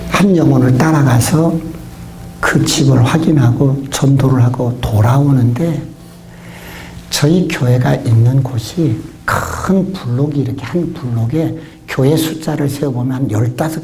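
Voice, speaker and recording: A man preaching a revival sermon, telling his testimony with emotion and often dropping to a hushed whisper. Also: mid-range voice, slight background noise. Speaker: pastor.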